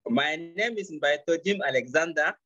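A man in his forties from Chad, a native French speaker, answering slowly and hesitantly in English with stammers and pauses. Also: fairly high pitch, lively intonation, pushed and bright, no room sound, faint music behind. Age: 40s. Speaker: student. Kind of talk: halting English practice. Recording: dull lo-fi call audio.

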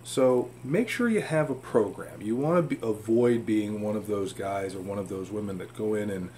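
In a home room with fish tanks, a mellow man with a fairly low pitch coaches viewers on fitness at a moderate pace. The instructional talk to camera is informal and emphatic, and the audio has clear hum and background noise.

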